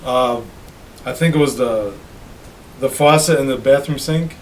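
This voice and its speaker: A man's voice: mid-range voice, a little slow, slight background noise, low-quality recording. A man of about thirty co-hosting a casual podcast, laid-back and laughing readily. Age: 30s. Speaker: podcast co-host. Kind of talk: casual chat.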